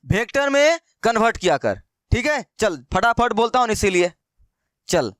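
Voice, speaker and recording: A man gives a casual, chatty maths lesson in Hindi, repeating questions to his students and calling them brother. His voice is high-pitched, sing-song and a bit bright at a moderate pace, in a dry, studio-quality recording.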